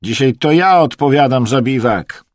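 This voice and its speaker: A man voicing a brash, mocking Russian camp cook with a Russian accent, drawing his words out loudly. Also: mid-range voice, animated, dry recording, studio quality, voice pushed up, lightly acted. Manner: mocking, drawn-out and shouting.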